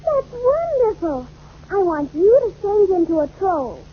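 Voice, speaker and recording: A woman's voice: very high-pitched, sing-song, full character voice. An actress playing an earnest, demanding little girl in a 1940s radio comedy. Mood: delighted. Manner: deliberate, insistent childlike delivery. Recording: noisy muffled 1940s radio recording.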